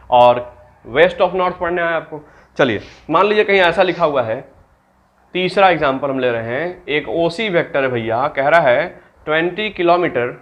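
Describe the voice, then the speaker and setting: Guy teaching math in a lecture, kinda high voice, asks the class stuff then answers it himself. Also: a bit bright, highs cut off. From Bihar, India. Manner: asks students questions and answers them himself; mixes English terms into Hindi. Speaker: maths teacher.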